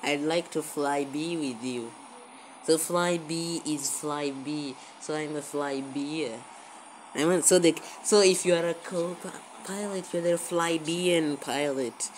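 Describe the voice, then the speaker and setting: A woman video creator speaks slowly in a mid-range voice, giving laid-back commentary on gameplay and repeating words and phrases often. The poor audio is an amateur recording from a handheld phone filming a screen, with faint noise behind her.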